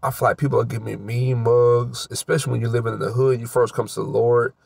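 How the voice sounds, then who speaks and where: Teary man giving halting testimony. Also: mid-range voice, level tone, vocal fry, darkish tone, slightly rough, no room sound. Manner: halting, rambling, searching for words. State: teary, voice slightly mushy. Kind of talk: emotional spoken testimony to camera. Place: outdoors, park by the roadside.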